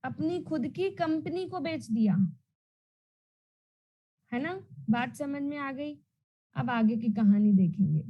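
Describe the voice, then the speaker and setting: A woman teaching an online class, loudly and emphatically and repeating questions so students answer back. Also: sits high, expressive, slow pace, long pauses, dull audio. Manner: repetitive question-and-answer drilling; loud and emphatic.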